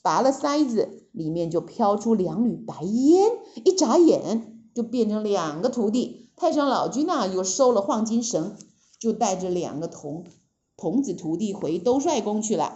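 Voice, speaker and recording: A woman narrating a children's story in a lively, expressive way, often adding little fillers. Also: medium pitch, measured pace, muffled recording.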